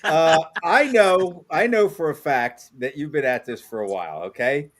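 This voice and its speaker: A man's voice: a little high, lively intonation, moderate pace, a bit bright. A man in his fifties hosting a casual interview, telling stories and laughing often. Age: 50s. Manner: chatty storyteller, laughs often. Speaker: host.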